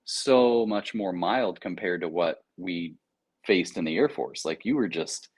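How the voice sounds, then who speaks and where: This American air traffic controller, interviewed casually, has a low, slightly rough voice with lively intonation and an unhurried delivery. His explanations come across as anecdotal, informal and slangy.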